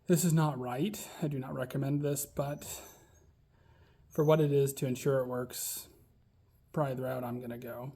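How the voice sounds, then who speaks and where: A man's voice: mid-range voice, steady tone, moderate pace, pauses often, mellow. A man giving a casual, folksy repair vlog, thinking aloud as he works. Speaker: vlogger repairing farm machinery.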